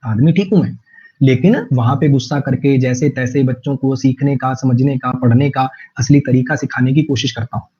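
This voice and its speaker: A man's voice: medium pitch, normal speed, dark tone, slightly rough, lo-fi sound. A man teaching English vocabulary to students in an online class, repeating words many times and drawling his English example sentences. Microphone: online class stream.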